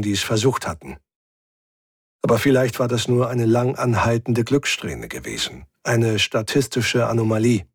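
Husky man reading a tense story. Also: dry recording, studio quality. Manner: tense, voices characters by pitching up. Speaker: audiobook narrator. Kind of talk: dramatic first-person audiobook reading.

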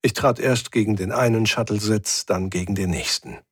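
A man's voice: moderate pace, husky, no room sound, studio quality. A man narrating a first-person science-fiction audiobook, reading with tension and lifting his voice for the characters. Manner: tense, voices characters by pitching up.

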